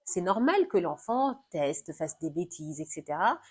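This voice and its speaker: A woman talking through parenting in an animated, explanatory conversation, acting out little examples as she goes. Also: on the low side, unhurried, breathy edge. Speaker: guest discussing parenting. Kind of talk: conversational discussion.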